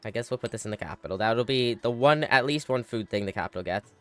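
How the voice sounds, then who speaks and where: A man's voice: medium pitch, animated, fast, a bit bright, clear, resonant tone, soft background music. A man streaming a strategy game, chatting casually with his viewers and thinking aloud with frequent exclamations, sounding a little tired. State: yawning, tired. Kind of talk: casual live gameplay commentary.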